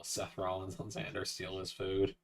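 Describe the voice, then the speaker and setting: A man's voice: deep voice, monotone, moderate pace, gravelly. A man in his twenties chatting casually on a livestream, talking to his cat in a coaxing sing-song voice. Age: 20s. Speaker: streamer.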